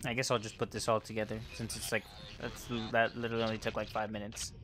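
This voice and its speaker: A man's voice: fairly low pitch, flat delivery, fast talker. A man giving casual commentary while recording a video game walkthrough. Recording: gunfire and game noise behind.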